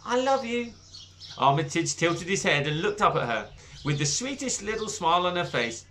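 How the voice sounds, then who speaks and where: A man reads a children's story aloud in a lively, expressive way. His voice sits high and bright, and it rises and falls a great deal. There is a faint hiss behind him. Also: brisk. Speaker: book club reader. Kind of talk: reading a children's book aloud.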